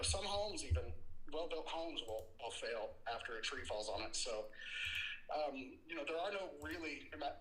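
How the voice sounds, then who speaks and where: Storm chaser, male, crisp-edged bright voice, conversational and rambling live report, echoey space. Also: medium pitch, slight background noise. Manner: rambling, informal, matter-of-fact. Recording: roomy, echoey sound.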